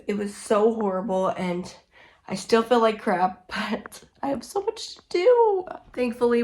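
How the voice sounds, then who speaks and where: A woman's voice: medium pitch, a little hiss or hum. A young woman with a sore throat who is sick, rambling and venting in a casual vlog at home. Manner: rambling and venting, lots of "like" fillers. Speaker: vlogger. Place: at home indoors.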